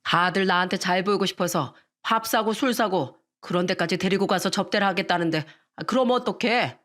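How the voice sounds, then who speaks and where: A woman's voice: medium pitch, fairly quick, a bit bright, lightly acted. A woman voicing an arrogant, newly rich male composer who talks down to his wife in a dismissive, sighing way, in a storytelling radio drama. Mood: irritated.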